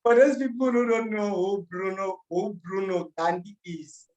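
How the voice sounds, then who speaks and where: Brief: male podcast host, high-pitched, enthusiastic, casual. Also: steady tone, moderate pace, darkish tone, highs cut off.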